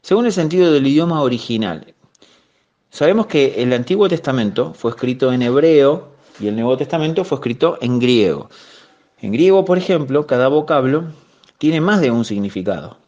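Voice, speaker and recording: A man with a Rioplatense Spanish accent teaching a Bible class, explaining slowly, repeating key words and pausing on fillers. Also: medium pitch, animated, a little mellow. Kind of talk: recorded theology class. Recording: muffled lo-fi audio.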